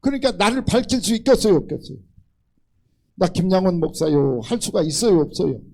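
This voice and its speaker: A man's voice: sits high, animated, fairly quick, creaky, dark tone, poor audio. An older man preaching a Sunday sermon in a church as its pastor, talking animatedly and acting out the voices of the people he quotes. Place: church sanctuary.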